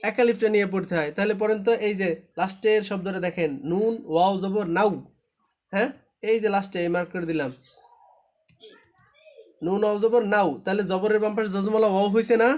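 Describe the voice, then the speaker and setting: High-voiced man teaching Quran reading patiently. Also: steady tone, fast. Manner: patient, repetitive, often checks understanding. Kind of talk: live online class instruction. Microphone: online live class.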